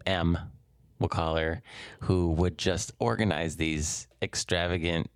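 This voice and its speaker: Jokey man with a very deep voice. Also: steady tone, takes it slowly, clear, resonant tone, dry recording, clean studio sound. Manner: jokey, reminiscing, self-deprecating asides. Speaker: podcast co-host. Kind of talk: casual chat.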